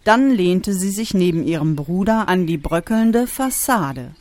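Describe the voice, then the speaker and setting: A woman reading a children's story aloud with expressive storytelling. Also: on the low side, unhurried, dry recording. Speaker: narrator.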